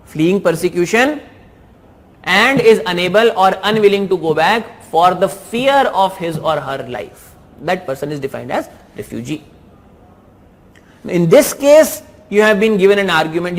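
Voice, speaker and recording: High-pitched Indian man teaching. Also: lively intonation, normal speed. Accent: Indian English. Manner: repeats key phrases for emphasis, mixes in Hindi. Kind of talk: exam answer review lesson.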